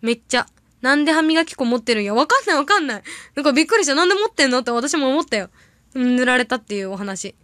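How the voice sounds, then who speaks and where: A young woman chatting casually on a livestream, reading viewer comments aloud and telling rambling stories with quick reactions. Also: sits high, animated, fairly bright tone, dry recording. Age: young adult. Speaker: idol audition candidate livestreaming.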